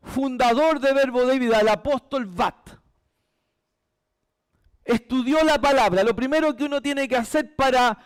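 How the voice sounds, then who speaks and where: Male pastor, very high voice, emphatic church sermon, repeats key phrases. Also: clean tone. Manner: emphatic, repetitive preaching.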